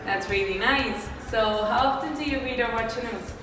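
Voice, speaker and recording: A student plays an upbeat survey reporter in a scripted mock news interview, speaking at a moderate pace in a fairly high voice. She is recorded from a distance in an echoey hall, with music playing behind her.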